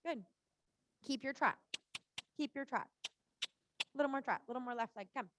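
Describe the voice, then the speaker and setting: A woman's voice: high-pitched, moderate pace, a bit bright, slight background noise. A woman working as a riding coach, calling out short, repeated cues live in an encouraging, informal and reassuring way.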